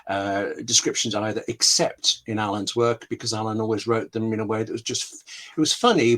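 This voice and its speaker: A scriptwriter chats in a webinar-style online interview, using examples and stories to explain and cutting himself off often in his candid way. He speaks at medium pitch with a slightly bright tone.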